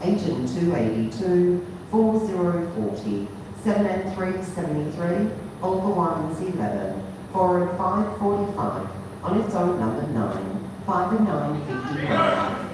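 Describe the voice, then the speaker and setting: A woman calls bingo in a formulaic patter, giving each number as digits and then as a whole. Her voice is on the low side and rises and falls widely. It comes from far off in a very reverberant, noisy hall. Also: lively intonation, a little slow. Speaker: bingo caller. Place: large echoing hall, heard from far off. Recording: distant, very echoey hall, clear background noise.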